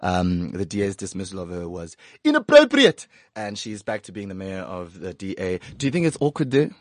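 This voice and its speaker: A man's voice: sits low, wildly swooping pitch, moderate pace, dry recording, clean studio sound. A man co-hosting a podcast in casual chat, joking, swearing freely and rhyming off the cuff. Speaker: podcast co-host.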